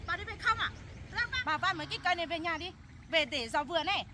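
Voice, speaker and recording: A woman's voice: very high voice, lively intonation, fast. A young woman playing a cruel, bossy daughter-in-law who harshly scolds and orders around her mother-in-law in a field. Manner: harsh, scolding, impatient commands. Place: outdoors in a rural field. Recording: noisy outdoor field recording.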